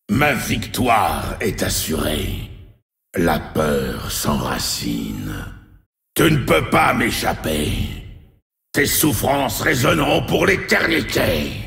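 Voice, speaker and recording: An actor playing a cruel, mocking male demon lord in a video game, with a deep gravelly growl and a slow, menacing, taunting delivery. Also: fairly bright tone, heavily acted. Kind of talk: French video game dub voice lines. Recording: roomy game audio with echo.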